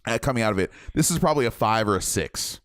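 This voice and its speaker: A young man co-hosting a podcast, chatting casually and jokily about a film in a rambling, animated way. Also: fairly low pitch, quick pace, no room sound, studio quality. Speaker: podcast co-host. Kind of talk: casual film review chat.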